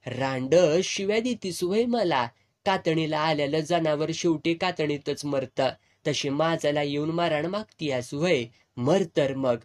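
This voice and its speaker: A man's voice: on the high side, measured pace, lightly acted. A man doing a brutal bullying landlord. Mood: menacing. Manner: snarls and barks crude orders.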